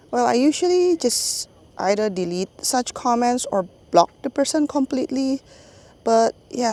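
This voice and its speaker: Her fairly high, darkish voice carries a Singaporean English accent. In a casual voiceover, this middle-aged woman who hosts a YouTube channel talks to her viewers and laughs often in the middle of sentences.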